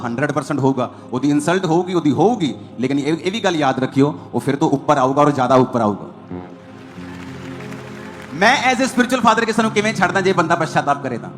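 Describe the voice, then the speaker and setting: A man preaching a sermon as pastor, hammering his points in short repeated phrases. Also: a little high.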